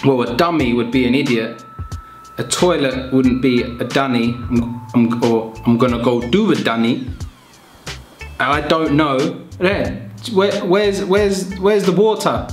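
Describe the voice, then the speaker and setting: Slow, chatty man in an echoey room. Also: mid-range voice, faint music behind. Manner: chatty, self-mocking, muses aloud. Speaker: vlogger. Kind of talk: casual vlog chat.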